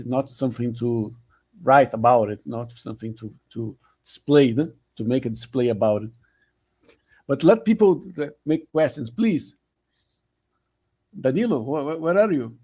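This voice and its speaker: A man with a Brazilian accent moderating an online seminar over a video call, talking in a halting way with many restarts. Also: medium pitch, dark tone, slightly rough. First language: Portuguese. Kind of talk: online academic discussion.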